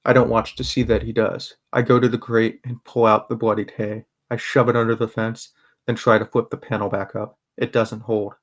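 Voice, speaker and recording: Playing a sardonic, guarded teenage boy, a young man narrates a bleak audio drama in the first person. His low, natural voice stays very even and subdued at a moderate pace, and the mood is tense and subdued.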